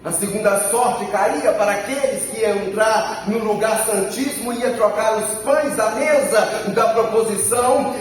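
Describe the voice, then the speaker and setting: A man with a Brazilian Portuguese accent preaching a sermon, emphatic and repeating his phrases. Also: high voice. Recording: echoey church from a distance, faint noise.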